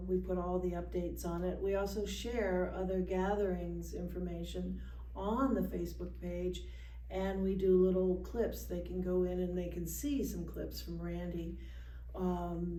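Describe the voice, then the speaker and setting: A woman's voice: fairly low pitch, flat delivery, unhurried, dark tone. A woman talking casually as an event organizer in an interview. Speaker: gathering organizer, interview guest. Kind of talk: casual conversational interview talk. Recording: roomy, distant mic, faint noise.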